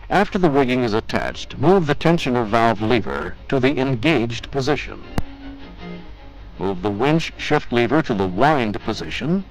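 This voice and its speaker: Formal, methodical, step-by-step narration for a training film comes from a man with a medium-pitched, expressive voice at normal speed. The recording is rough, a 1980s training film soundtrack with music.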